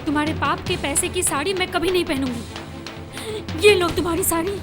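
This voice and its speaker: A woman's voice: extremely high pitch, normal speed. An actress dubbing a devout young village wife who pleads with and defies her husband, in a film scene with music behind. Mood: pleading, defiant. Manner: pleading, insistent. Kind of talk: Hindi film dub acting.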